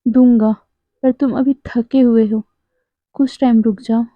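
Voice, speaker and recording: Woman playing a gentle, steady young man soothing a loved one, flat and slow, phone-like sound. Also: fairly high pitch, no echo, lightly acted. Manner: soft, soothing, firm. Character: calm young man gently consoling his crying partner.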